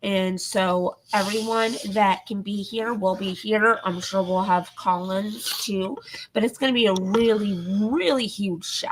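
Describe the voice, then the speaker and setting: A woman co-hosting a podcast in casual chat, her voice going hoarse, talking with many ums and likes. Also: mid-range voice, fairly even intonation, unhurried, slight background noise, poor audio. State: losing her voice. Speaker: podcast co-host.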